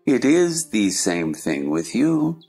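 A man playing an eccentric, argumentative Hatter in a stage play dramatization, with a slow theatrical drawl. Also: fairly low pitch, sing-song, gravelly, mellow, breathy edge, faint music behind, heavily acted. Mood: cranky, odd. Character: eccentric, gloomy, argumentative Mad Hatter at tea.

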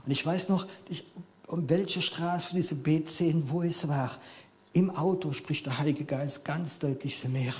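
A man in his fifties, French by first language, gives a German sermon at a somewhat slow pace and a fairly high pitch. He is an animated storyteller whose delivery swings from loud emphasis to quiet near-whispers.

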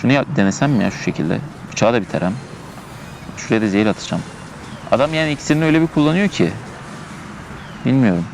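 A man's voice: medium pitch, animated, fast, gravelly, pauses often, darkish tone, slight background noise. A man giving casual gameplay commentary, chatting and thinking aloud as he plays, often repeating himself, recorded outdoors in a park.

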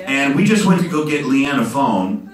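A man's voice: medium pitch, animated, normal speed. A man in his fifties telling rambling, self-deprecating comic stories to a live audience at an art talk, acting out the people he quotes. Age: 50s. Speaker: artist hosting an art auction talk. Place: ship's hall with audience. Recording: echoey room, voice from a distant mic.

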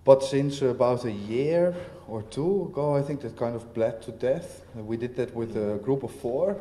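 A visiting artist, a man with a mid-range voice and dark tone, speaks haltingly during a casual panel talk at a festival venue. He hesitates often, filling gaps and restarting his sentences. The recording captures a roomy hall with faint background noise.

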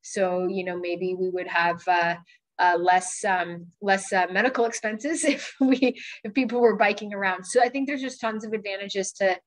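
A woman's voice: mid-range voice, fairly even intonation, moderate pace. A woman in her forties, a county supervisor, speaking at a town hall over a video call in an earnest, urging, conversational way with fillers. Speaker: county supervisor on a transit board. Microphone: video call webcam.

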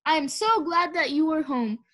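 A woman's voice: high voice, animated, normal speed, sharp tone. A woman doing a gushing, doting housewife. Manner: gushing, hospitable.

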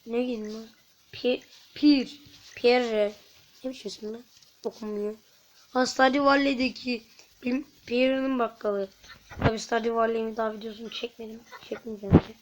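A woman commenting while playing a video game, chatting to her viewers and bursting into frustrated shouts. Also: a little high, level tone, moderate pace. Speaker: gaming YouTuber. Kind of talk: let's-play commentary.

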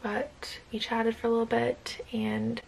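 A young woman in her twenties vlogs into a close phone camera, her voice a touch high and kept soft, at times nearly whispered. She sounds stressed and anxious, speaking in a low-key, casual way. A faint background noise sits under her voice. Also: level tone, unhurried, gravelly, low-quality recording. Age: 20s. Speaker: vlogger. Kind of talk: casual vlog talk to camera.

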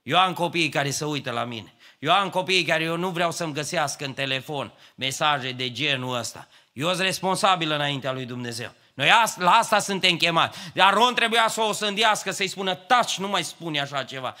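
A male pastor preaching a sermon in a church, swinging between quiet asides and raised preaching. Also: a little high, hardly any pauses. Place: church hall.

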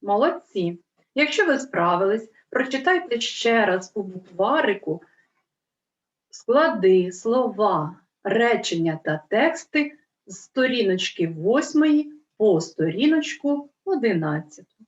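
Woman teacher, patient and unhurried, drawing out every sound for small children; echoey room, muffled sound. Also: mid-range voice, big pitch swings, far from the mic. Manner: clear, drawn-out syllables, coaxing questions. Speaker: primary school teacher. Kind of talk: slow reading lesson for young children. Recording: roomy, dull lo-fi recording.

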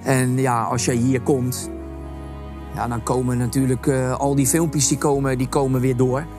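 A hesitant football coach from The Hague, Netherlands, speaks in a mid-range male voice at normal speed with little pitch movement. He's full of fillers when he talks in a documentary interview but shouts loudly on the sideline while coaching. Music plays underneath.

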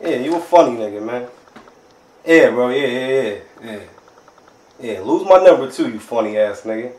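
A man acting as a brash, profane young street hustler in a low-budget crime drama, filmed outdoors at night. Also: animated, normal speed, a little mellow, echoey room, a little hiss or hum, close to an everyday voice. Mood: scornful. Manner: brash, profane street talk, repeats filler words. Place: city sidewalk at night, outdoors.

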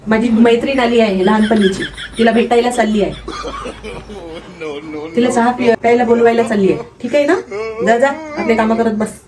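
A woman playing a sharp-tongued older mother-in-law in a family comedy skit, scolding and giving orders. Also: fairly high pitch, steady tone, moderate pace, background noise, natural voice. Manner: scolding, bossy retorts. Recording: music playing under the voice.

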